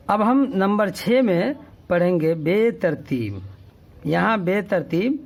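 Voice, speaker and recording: A man's voice: a little high, a little mellow. A man teaching the Urdu alphabet step by step, patiently repeating each vowel sound and often checking in with the learner. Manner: patient, repetitive, checks with "okay?".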